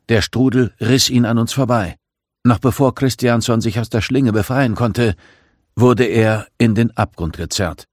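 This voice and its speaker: A man reading a first-person story aloud as an audiobook narrator, dramatic and gripping, on a close studio microphone. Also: no echo. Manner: dramatic reading, raising pitch for shouted lines.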